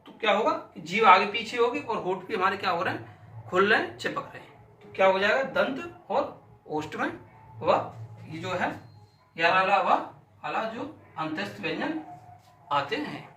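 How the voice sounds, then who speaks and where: A man teaches a lesson in a high, piercingly bright voice. He sounds out syllables over and over and poses questions he then answers himself. He is heard from a distance in an echoey room. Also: animated, moderate pace, a little hiss or hum. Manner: demonstrates sounds by repeating syllables aloud; asks and answers his own questions. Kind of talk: classroom lesson.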